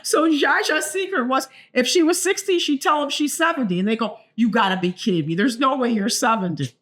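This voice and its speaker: High-voiced, brisk and fairly bright, this seventy-something woman is a podcast co-host. She chats casually, spinning stories and dropping in playful asides.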